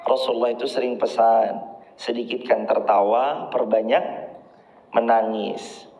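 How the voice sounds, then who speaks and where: A man giving a relaxed sermon who acts out quoted everyday speech and chants Arabic verses. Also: mid-range voice, a little slow, gravelly. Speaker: preacher. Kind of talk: casual sermon. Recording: echoey hall, dull lo-fi sound.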